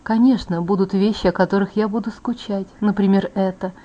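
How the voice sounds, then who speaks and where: A woman reading an audiobook voices a tender young immortal man, speaking softly and low. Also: steady tone, fairly quick, lo-fi sound, natural voice.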